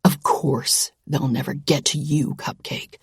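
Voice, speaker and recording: A woman voicing a moody, threatening young man with a low rasp, sneering through gritted teeth in a whispered audiobook reading. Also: steady tone, measured pace, no echo, clean studio sound, heavily acted. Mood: menacing.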